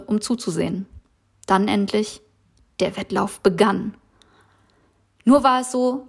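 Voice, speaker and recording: A woman giving a recurring audio message, calmly reading out a fable in a measured, unhurried way. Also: mid-range voice, gravelly. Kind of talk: storytelling a fable.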